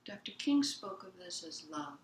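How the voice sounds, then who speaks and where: A woman Zen teacher giving a gentle, unhurried dharma talk in a meditation hall, retelling a children's picture book for her listeners. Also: fairly low pitch, big pitch swings, a little hiss or hum. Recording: roomy hall sound.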